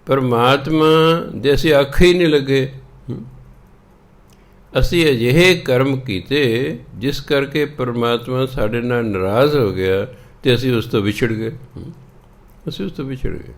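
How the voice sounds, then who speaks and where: A man with a Punjabi accent explaining scripture in a sermon, chanting verses slowly and stopping to correct how words are pronounced. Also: mid-range voice. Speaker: Sikh scripture preacher.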